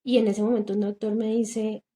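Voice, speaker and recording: Woman telling a hard story, mellow. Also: mid-range voice, flat delivery, brisk. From Colombia. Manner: earnest, recounting with quoted dialogue and many fillers. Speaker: guest sharing testimony. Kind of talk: emotional personal testimony on a podcast.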